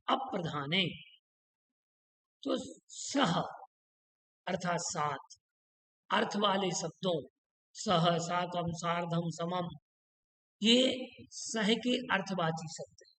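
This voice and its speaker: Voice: mid-range voice, a bit bright. A teacher giving a grammar lesson who repeats each rule several times and keeps quizzing the listener. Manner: drills rules by repetition and quizzes the listener. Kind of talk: classroom-style grammar lesson. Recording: echoey room with long reverb.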